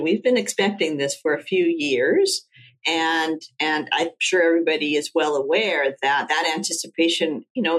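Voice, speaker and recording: A woman's voice: on the low side, slightly rough, poor audio. A woman who is a guest expert in a studio, answering the host in an assured, conversational way. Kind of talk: interview answers.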